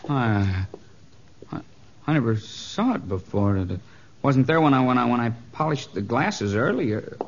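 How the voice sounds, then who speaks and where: An actor playing a timid little club steward who stammers anxiously, in 1940s radio drama style, on a dull old recording. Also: male voice, medium pitch, animated, measured pace, slight background noise, natural voice. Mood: frightened.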